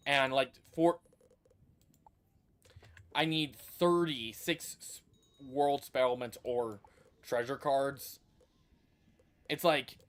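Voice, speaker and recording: A man's voice: medium pitch, a bit bright. A man streams a video game and muses aloud as he plays. His casual talk wanders and trails off into restarts, in an ordinary mid-range voice. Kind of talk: casual livestream commentary.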